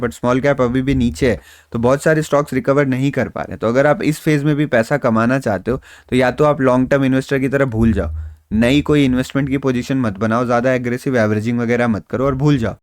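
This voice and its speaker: A man's voice: mid-range voice, smooth, no room sound. Man, casual market analysis, reassuring, conversational, dry close recording. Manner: reassuring, conversational, mixes English phrases into Hindi. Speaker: stock market trader and YouTube host.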